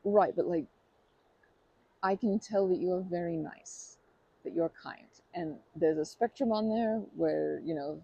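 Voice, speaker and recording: In a dry, lo-fi recording, a woman with a fairly low, gravelly yet mellow voice and a breathy edge speaks a little slowly. She acts as a friendly stranger in an ASMR roleplay, talking to the listener in a rambling, hesitant, chatty way and often restarting or correcting herself. Her manner is friendly and earnest, with light laughs.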